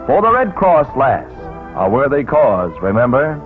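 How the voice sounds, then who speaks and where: A man narrating a 1940s wartime newsreel in a brisk announcer delivery with punchy quips, heard as old newsreel sound. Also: medium pitch, big pitch swings. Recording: tinny 1940s newsreel soundtrack with loud music.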